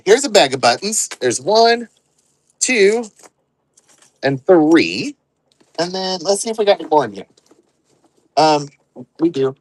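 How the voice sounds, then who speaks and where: A man with a slightly high voice hosts an online live sale, rambling and cracking jokes while he counts items out loud. It's casual live-selling chatter, captured in a dry, rough recording.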